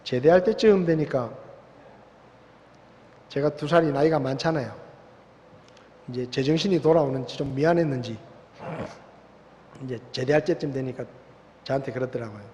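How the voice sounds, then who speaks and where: A man with a Gyeongsang accent, preaching a sermon as pastor with animated, story-driven delivery. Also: mid-range voice, moderate pace, long pauses, muffled recording. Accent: Gyeongsang Korean. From Gyeongsang province, South Korea. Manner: animated storytelling, acting out voices. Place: church sanctuary. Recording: long church hall reverb.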